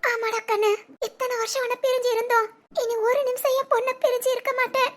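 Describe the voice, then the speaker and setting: Soft, remorseful cartoon mother, as a woman puts her on. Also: extremely high pitch, flat delivery, fast. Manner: soft, apologetic. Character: remorseful middle-aged mother.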